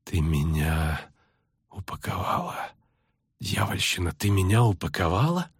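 A man's voice: normal speed, husky, no echo, clean studio sound. Man voicing a worn-out sardonic sorceress. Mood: strained. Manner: low, strained and muttering. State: exhausted. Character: battered weary sardonic sorceress woman.

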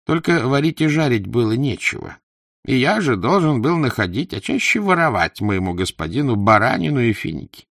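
A man's voice: medium pitch, sing-song, fairly bright tone, no echo, studio quality, voice pushed up. A man voicing a plaintive, wheedling older male merchant held as a slave, sighing and complaining as he talks. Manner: whiny, sighing, fast-talking complaints.

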